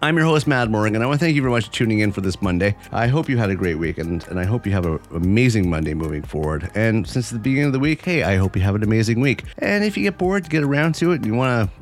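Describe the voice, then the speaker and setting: Male podcast host, fifty, earnest rambler; low voice with a lively pitch, faint music behind. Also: quick pace, few pauses. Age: 50s. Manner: earnest, rambling, repeats phrases. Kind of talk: solo podcast monologue.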